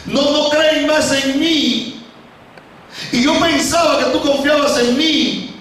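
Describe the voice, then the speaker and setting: A man's voice: high-pitched, very animated, measured pace, a little hiss or hum, voice pushed up. A man acting out a grieving, pleading repentant male apostle in a raised voice, in an echoey hall from far off.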